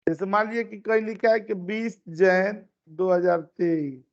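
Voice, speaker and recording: A man's voice: high voice, measured pace, vocal fry. A man teaching an online class, explaining step by step and repeating his phrases. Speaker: instructor. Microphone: computer mic on a video call. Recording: dull lo-fi meeting recording.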